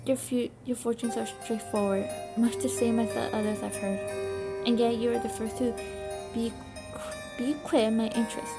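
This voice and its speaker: A woman's voice: fairly high pitch, little pitch movement, normal speed, close to an everyday voice. A woman voicing an imperious, composed countess while reading a game's dialogue aloud, with game music behind. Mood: aloof.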